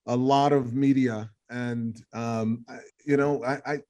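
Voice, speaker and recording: A man hosts a casual interview podcast at a middle pitch, chatty and loose. He stumbles and restarts often while asking questions. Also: fairly even intonation, a little slow, dark tone. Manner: chatty, many fillers and restarts. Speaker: podcast host.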